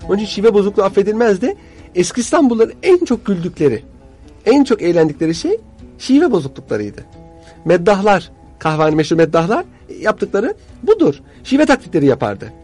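A man's voice: sits high, huge pitch swings, a little fast, a little mellow, husky, soft background music. A man, a guest historian telling stories in a studio conversation, using courtly old-fashioned phrasing.

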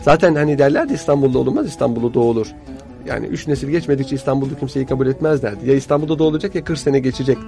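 A man's voice: mid-range voice, fairly even intonation, very fast, hardly any pauses, warm tone, soft background music. A man, a guest historian telling stories in a studio conversation, using courtly old-fashioned phrasing.

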